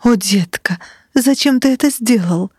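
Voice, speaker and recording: A woman's voice: on the high side, lively intonation, measured pace, darkish tone, slightly rough, no room sound, clean studio sound, pitched above the performer's own voice. A woman voicing a cold, domineering sorceress mother in an audiobook, speaking in an icy, scolding, sharply emphatic way. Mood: cloying sweetness. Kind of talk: audiobook character reading.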